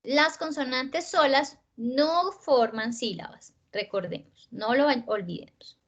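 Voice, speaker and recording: A woman teacher with a Colombian accent giving an online spelling lesson, slowing down to stress words and often checking in with her listeners. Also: high voice, muffled recording. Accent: Colombian Spanish.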